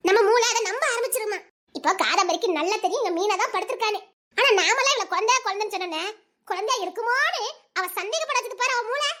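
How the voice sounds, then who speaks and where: A woman's voice: extremely high pitch, animated, pushed and bright, full character voice. A woman voicing a scheming young village woman who plots persuasively, with a Tirunelveli Tamil accent. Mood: plotting. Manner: fast, persuasive, conspiratorial. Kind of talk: Tamil serial drama dialogue.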